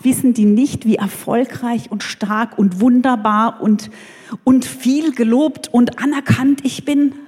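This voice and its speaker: A woman's voice: on the high side, measured pace, a little mellow, husky. A woman voicing a proud, middle-aged army commander who complains with outrage and self-importance, in a church hall with a long reverb. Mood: indignant.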